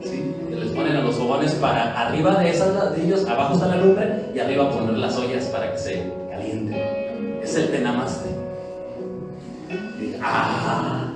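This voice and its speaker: Pastor preaching in an echoey hall. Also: male voice, mid-range voice, moderate pace. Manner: animated preaching with acted quotes of church members. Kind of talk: sermon. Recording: echoey hall heard from a distance with faint music.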